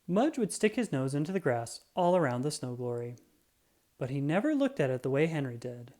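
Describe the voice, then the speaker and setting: Expressive and deliberate, a medium-pitched narrator reads a children's story aloud in the manner of a storybook reader.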